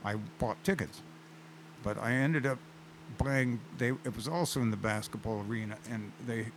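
A man's voice: medium pitch, moderate pace, slight background noise, poor audio. An older man in casual chat, telling rambling concert stories with many restarts. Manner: rambling anecdotes with frequent restarts.

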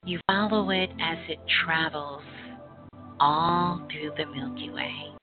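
A woman teaching a spirit class, leading a guided relaxation in a soothing, unhurried way and gently repeating her phrases. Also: low voice. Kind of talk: guided meditation. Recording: dull lo-fi sound under prominent music. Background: loud background music.

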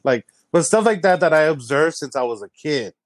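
A young man from San Antonio, telling stories in a casual chat, full of fillers and quick voices of people he mimics. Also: no echo. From San Antonio, Texas. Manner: animated storyteller, many fillers, quick high-pitched mimicry of others. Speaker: guest, comedy creator.

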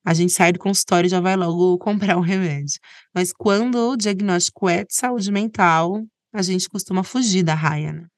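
A woman's voice: on the low side, moderate pace, no room sound, studio quality. A woman with a Brazilian accent hosting a podcast in an informal, chatty and conversational way. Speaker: podcast host.

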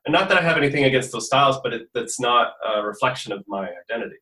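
A man with a bright, forceful voice gives a guest's answers in an interview, earnest and reflective, restarting phrases as he works out his thoughts. The recording has a roomy echo around him. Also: medium pitch, lively intonation, fast talker, far from the mic. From born in the US, raised in Portugal from fifteen. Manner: earnest, thinks aloud with restarts. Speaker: musician guest.

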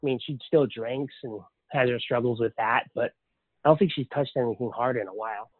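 Speaking fairly quickly in a mid-range voice, this Hawaiian man recounts his life as a podcast guest, frank and unpretentious in a relaxed interview manner. There's no room sound; the audio is thin and dry, like a phone call.

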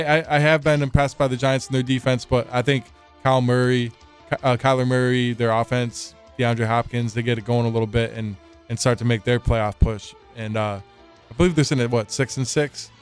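A man's voice: mid-range voice, smooth. A man co-hosting a casual sports podcast, talking through picks with lots of "you know" and restarts. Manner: hesitant, lots of fillers and restarts. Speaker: podcast co-host.

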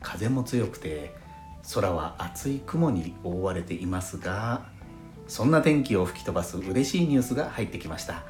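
A man from Fukushima hosting a solo audio podcast, talking in a calm, measured way. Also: sits low. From Fukushima, Japan. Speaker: podcast host. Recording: roomy sound with faint background music.

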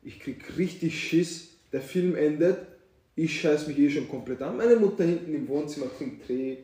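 A young man telling a scary story to friends in a casual, slangy, animated way. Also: a little high, moderate pace, reverberant, recorded from a distance.

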